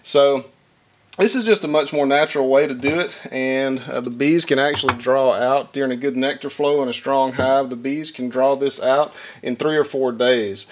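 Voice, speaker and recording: A man in his thirties giving a relaxed, hands-on beekeeping lesson in a wood-paneled workshop, talking plainly with frequent fillers. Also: medium pitch, moderate pace, a little hiss or hum. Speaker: beekeeper and channel host. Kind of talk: hands-on instructional talk.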